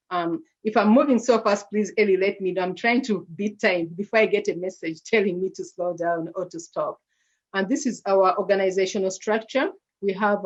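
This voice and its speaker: A woman with a lowish voice and a Ugandan accent presents slides on a video call as the founder of a nonprofit. She sounds hesitant, using lots of fillers and restarting sentences. The recording is muffled.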